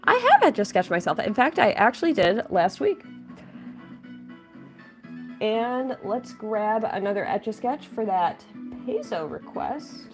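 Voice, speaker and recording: A young woman livestreams her drawing, chatting in an upbeat, casual way while thanking viewers and reading their messages aloud. Her voice is on the high side and very animated, her pace measured, with faint music behind her.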